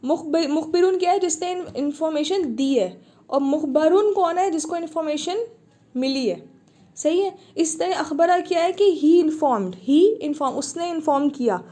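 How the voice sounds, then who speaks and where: A woman's voice: high voice, lively intonation, normal speed, dark tone. A woman teaching Arabic grammar in an online lesson, explaining patiently, repeating the words and checking that her students understand.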